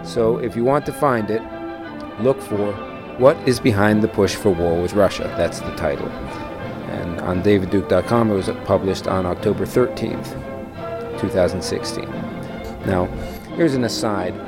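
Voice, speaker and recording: An older man hosting a solo radio podcast, lecturing slowly and deliberately, then reading his own article aloud. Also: deep voice, over music. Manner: slow, deliberate lecturing delivery.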